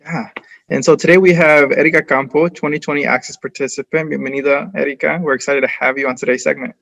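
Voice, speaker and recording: A male co-host with a gravelly, fry-tinged voice welcomes a guest. He strings his questions together loosely and cheerfully. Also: fairly high pitch, fairly even intonation, fast talker, fairly bright tone, low-quality recording. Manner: upbeat, rambling questions with restarts. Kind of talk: casual interview hosting.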